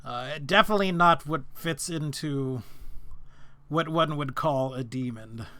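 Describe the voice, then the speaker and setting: Slow, hesitant game master, bright voice. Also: male voice, on the high side. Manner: hesitant, searching for words. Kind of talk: narrating a tabletop game.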